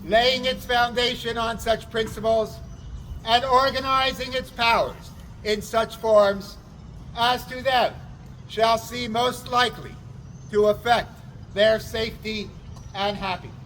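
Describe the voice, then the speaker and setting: Man acting as a high-pitched town crier, proclaiming. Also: fairly even intonation, fairly bright tone, low-quality recording. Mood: solemn, proclaiming. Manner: declamatory, deliberate, broken into short phrases. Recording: outdoor recording with faint traffic noise.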